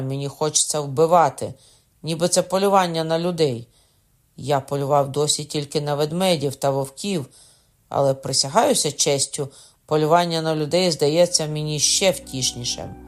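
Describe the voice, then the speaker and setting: A man reading an audiobook, voicing a hot-blooded young nobleman who shouts, raised in pitch. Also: lightly acted. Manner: loud, shouting, fired up.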